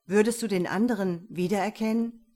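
A woman's voice: mid-range voice, brisk, warm tone, natural voice. A woman reading an audiobook, voicing a probing middle-aged male police inspector.

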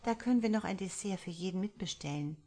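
A woman's voice: medium pitch, fast talker, dark tone, natural voice. A woman reading an audiobook, voicing an affectionate young woman who is a little impatient with her partner. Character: affectionate, hungry young woman on a romantic getaway.

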